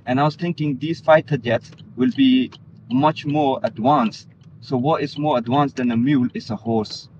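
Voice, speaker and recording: Muffled lo-fi audio, with background noise plainly present, captures a Danish man being interviewed. His pitch is medium and his pace normal as he talks earnestly about religion.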